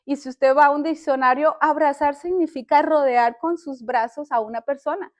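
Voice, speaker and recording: An older woman gives a heartfelt faith testimony on a podcast. Her voice sits high, and she speaks earnestly, stopping often to restart a word or a sentence. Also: steady tone. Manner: earnest, halting, with many restarts. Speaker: podcast host.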